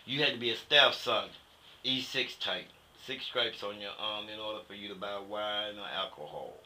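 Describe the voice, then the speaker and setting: Here an older American man, a Vietnam veteran, speaks in a low, sharp voice at a moderate pace while looking back in a conversational interview. He's blunt and colloquial, with strong opinions and repeated "you know"s, and faint noise can be heard behind him.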